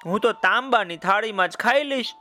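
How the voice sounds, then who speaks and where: A humble, honest young girl from a children's folk tale answers plainly and modestly. The voice is bright and fairly high, a male storyteller speaking for her. Nothing about her is showy. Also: normal speed, faint music behind.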